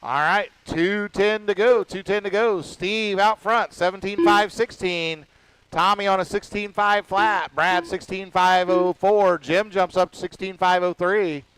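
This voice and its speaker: A man calling a radio-controlled car race live, reeling off lap counts and times one after another. His voice sits high and sounds smooth and clean. He keeps a casual, rapid-fire delivery. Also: steady tone, a bit bright, no room sound, rough recording. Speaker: race announcer.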